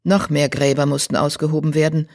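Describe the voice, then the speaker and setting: Man, audiobook narrator, steady dramatic telling, a bit high-pitched. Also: a little fast, creaky.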